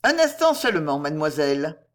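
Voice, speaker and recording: A reader voicing an older male magistrate, kind but stern, speaking in a measured, formal way. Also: mid-range voice, big pitch swings, voice pushed down, lightly acted.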